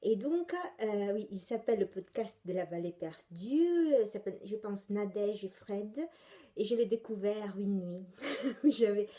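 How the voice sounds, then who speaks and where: A young woman with an Italian accent talks knitting on her podcast at a measured pace, her mid-range voice mellow. The conversation meanders, with plenty of hesitations and self-corrections.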